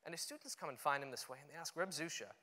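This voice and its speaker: A young man from Canada speaks rapid-fire on an auditorium stage, his voice on the high side, very animated, and sharp in tone. The conference talk is earnest and conversational with frequent "you know" fillers, recorded with long hall reverb.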